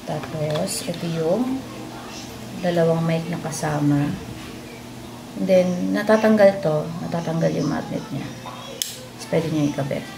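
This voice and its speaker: A Filipino woman with a slightly gravelly, lowish voice talks slowly through a mic unboxing. She sounds stuffy from a cold, chatting casually at home. There is clear background noise behind her. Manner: chatty, testing mic with repeated hellos. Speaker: vlogger reviewing a microphone. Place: home room with an electric fan. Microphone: phone with wireless lavalier.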